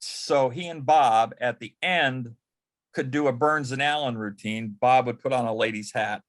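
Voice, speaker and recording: As a panel guest who once worked as an entertainer's personal assistant, a man tells anecdotes from those days. His pitch is mid-range for a man, and his delivery is halting and conversational, with frequent repeated words and restarted sentences.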